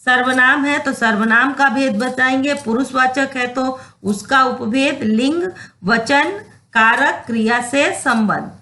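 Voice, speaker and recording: A woman's voice: high voice, slow pace, bright, forceful tone. A woman teaching a grammar lesson, who explains step by step, reads out example sentences and checks that her students follow.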